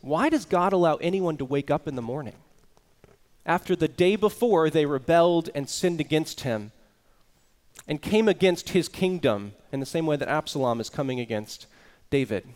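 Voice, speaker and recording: A man's voice: on the high side, lively intonation, normal speed, a little mellow. Earnest man preaching a sermon. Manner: earnest, explanatory preaching with rising emphasis. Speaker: pastor.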